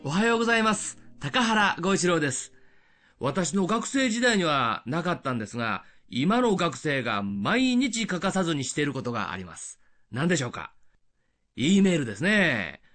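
An older man preaches on the radio in a high, strongly rising and falling voice. He explains patiently and keeps asking questions to the listener. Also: moderate pace. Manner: lively, explanatory with rhetorical questions. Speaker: radio evangelist. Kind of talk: radio sermon.

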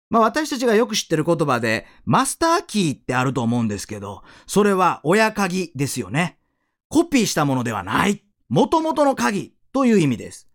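A man preaching a sermon as a pastor, earnest and speaking straight to the listener. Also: fairly high pitch. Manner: earnest, addressing listener directly.

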